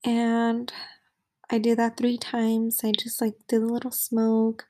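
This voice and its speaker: A woman's voice: a little high, monotone, takes it slowly, warm tone. A young woman hosting a podcast, telling a story casually and rambling, with constant "like" and filler words. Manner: rambling, heavy use of "like" and fillers. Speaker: podcast host.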